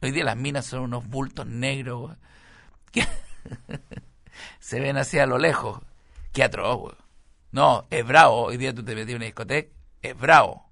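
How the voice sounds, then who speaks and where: A man's voice: medium pitch, moderate pace, vocal fry, long pauses, no room sound, clean studio sound. Rambling Chilean man with slangy chatter. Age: middle-aged. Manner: slangy, rambling, acts out voices with loud bursts. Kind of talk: stand-up storytelling monologue.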